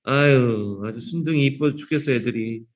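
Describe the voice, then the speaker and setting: A man's voice: medium pitch, moderate pace. A man teaching an English grammar class to middle school students, quizzing them by name and teasing them with jokes. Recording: dull lo-fi sound.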